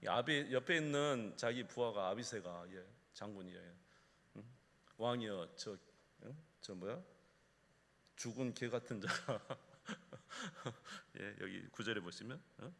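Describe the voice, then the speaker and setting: Low-voiced preaching pastor in a hall. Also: male voice, big pitch swings, measured pace, creaky, a bit bright, a little hiss or hum. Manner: emphatic, often asking the congregation questions. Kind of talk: sermon. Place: church sanctuary. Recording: echoey church hall.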